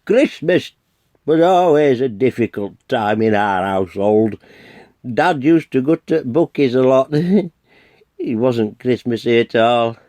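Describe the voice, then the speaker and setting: A man's voice: mid-range voice, expressive, a little slow, warm tone, natural voice. A man playing a henpecked, emotional, jokey old Santa Claus in a comic radio play, with a Northern English accent. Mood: mournful reminiscing.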